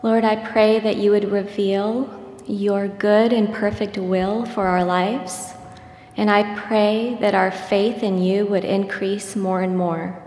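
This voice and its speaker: A woman leading a congregation in a slow, steady, reverent prayer, heard with a cathedral-like echo. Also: mid-range voice. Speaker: prayer leader. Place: church sanctuary. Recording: echoey church hall, long reverb.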